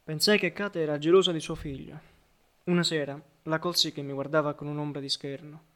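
A man reading a literary novel aloud as audiobook narrator, measured and reflective, letting phrase endings fall softly. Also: a little high, fairly even intonation.

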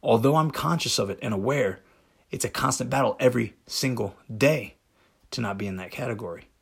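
A man's voice: medium pitch, brisk, vocal fry, slightly rough. A man hosting a motivational podcast monologue, speaking directly and emphatically with rhetorical questions. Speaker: podcast host.

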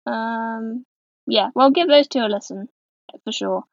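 A woman's voice: a little high, unhurried, gravelly, no echo, highs cut off. A woman with an East Midlands English accent chatting casually as a podcast co-host. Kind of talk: casual chat.

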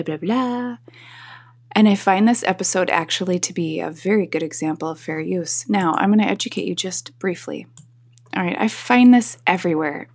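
Lady podcaster w sleepy husky morning voice, kinda low n crackly, just rambling along. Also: darkish tone. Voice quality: husky, slightly deeper morning voice. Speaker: podcast host. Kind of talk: casual solo talk to listeners.

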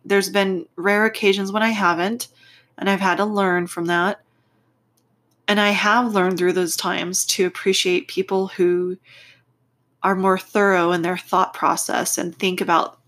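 A woman hosting a reflective personal podcast, speaking in deliberate, expressive phrases with a congested, nasal voice from a stuffed-up nose. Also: lowish voice. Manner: unhurried, deliberate phrasing with pauses. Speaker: podcast host.

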